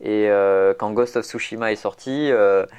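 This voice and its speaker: Man, podcast host, casual chat, low-pitched voice, lots of fillers and restarts. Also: fairly even intonation, measured pace, a little mellow, clear, resonant tone. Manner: rambling, many fillers and restarts.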